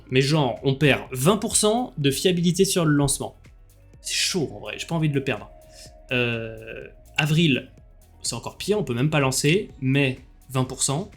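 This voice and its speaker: Streamer masculin, voix haute et décontractée, commente un jeu en plaisantant. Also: male voice, a little high. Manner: lively, joking, with many fillers. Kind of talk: commenting a game live with jokes.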